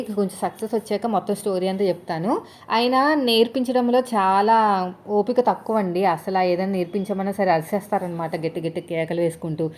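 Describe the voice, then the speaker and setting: Chatty woman in her 30s rambling to viewers while ironing, pretty average pitch. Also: a little mellow. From India. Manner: chatty, rambling, frequent fillers. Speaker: vlogger, housewife. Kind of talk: casual chat while doing chores.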